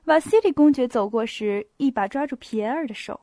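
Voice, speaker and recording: A woman calmly narrating a novel as an amateur audiobook reader. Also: a little high, a little fast, dry recording, studio quality.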